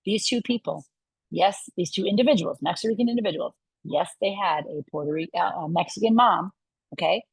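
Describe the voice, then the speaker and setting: A middle-aged woman giving a university lecture in a lively way, often checking in with her listeners. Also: fairly low pitch, brisk, gravelly, husky, no echo, poor audio. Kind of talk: lecture to a live audience.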